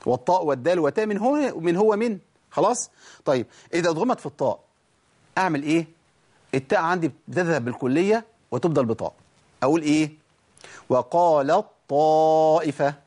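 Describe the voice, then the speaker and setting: A man with an Egyptian Arabic accent leads a tajweed lesson on Quran recitation rules, answering questions he raises himself and demonstrating sounds aloud. His voice is a little high, a little mellow and slightly rough, animated and delivered at a quick pace.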